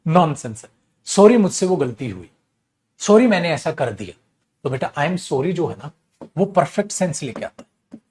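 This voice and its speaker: A young adult man with a Hindi accent lectures a class on grammar, voice set a little high for a man. He scolds and pleads by turns, pressing every point hard and calling his students "beta". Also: sing-song, moderate pace, long pauses, darkish tone, a little hiss or hum. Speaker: English teacher.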